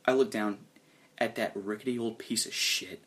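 A man narrating a tabletop role-play game as game master, telling the story dramatically and dropping low and hushed for suspense. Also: steady tone, normal speed.

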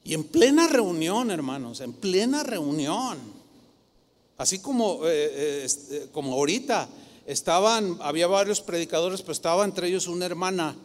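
A man, preaching a sermon as pastor and telling stories in an animated way, putting on the voices of the people in them. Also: sits high, moderate pace. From Mexico. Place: church sanctuary. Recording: long church reverb.

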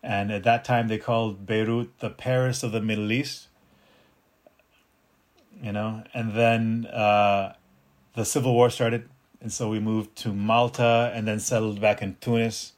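A middle-aged man, born in Detroit and raised partly in North Africa, speaking in a reflective, unhurried way as a martial arts teacher in a casual interview. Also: on the low side, little pitch movement. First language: Arabic. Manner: reflective, unhurried, with frequent restarts. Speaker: capoeira teacher and martial artist.

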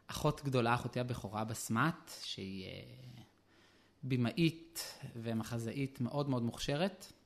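Man, puppeteer, soft-spoken, hesitant, mid-pitched voice. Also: gravelly. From Israel. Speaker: puppeteer and theatre director. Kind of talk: interview and puppet show patter.

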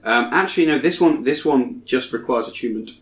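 A man's voice: medium pitch, expressive, a little fast. A man acting as game master, narrating a tabletop fantasy game. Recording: echoey room with faint noise.

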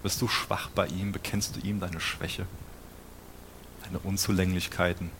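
A man's voice: deep voice, flat delivery, unhurried, a bit bright, a little hiss or hum. A man preaching a sermon in an earnest tone, often putting direct questions to his listeners.

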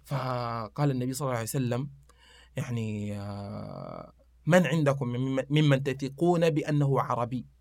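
A man's voice: mid-range voice, moderate pace, gravelly, no room sound, clean studio sound. A man, telling old anecdotes and reciting verse in a casual podcast chat. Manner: animated storyteller reciting poetry, fillers.

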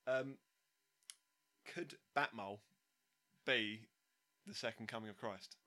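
A man with an Essex accent and a bright voice, co-hosting a casual podcast. He giggles often and keeps the banter moving with questions. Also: fairly low pitch, slow pace. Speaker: podcast co-host.

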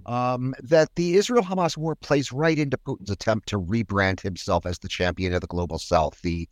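A man's voice: lowish voice, moderate pace, no echo, studio quality. A man hosting a policy discussion, talking conversationally with wry asides.

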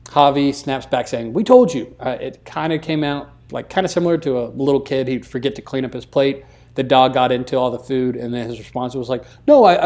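A man with a mellow, dark-toned voice co-hosts a relaxed motorsport podcast. He reads out the week's news in a dry, easygoing way. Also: mid-range voice. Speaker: podcast co-host. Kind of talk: casual podcast chat.

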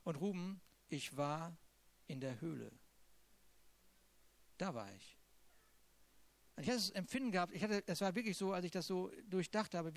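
A man with a rather high voice preaches a sermon. He talks loosely and conversationally, with a playful humor, as if thinking aloud. His voice stays light and high. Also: a bit bright.

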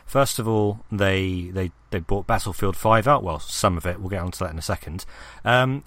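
A man with a fairly low voice hosts a relaxed gaming podcast, wandering through his points with plenty of ums and false starts. He keeps turning questions over to his co-host. The sound is close and dry, with no room around it. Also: no echo. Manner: rambling, many ums and restarts, asks his co-host questions. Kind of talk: casual gaming chat.

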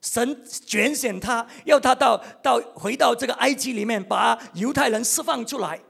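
Male pastor, high raspy voice, animated sermon with loud bursts and hushed asides. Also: moderate pace. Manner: animated, swings between loud outbursts and quiet asides; repeats words for emphasis.

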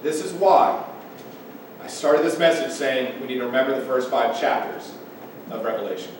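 A man preaching a sermon as pastor, with impassioned delivery that swings between loud emphatic pushes and quiet low asides. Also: expressive, moderate pace, distant mic, a little hiss or hum. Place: church sanctuary. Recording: echoey church room from off-mic, faint ambience.

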